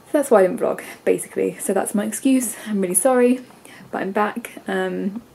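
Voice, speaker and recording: Her voice sits at medium pitch, gravelly yet mellow, and she talks a little fast. She's a young English woman in her twenties, congested with a stuffy nose, rambling casually with lots of ums and likes to a handheld camera at arm's length in her bedroom, with a little hiss or hum in the audio.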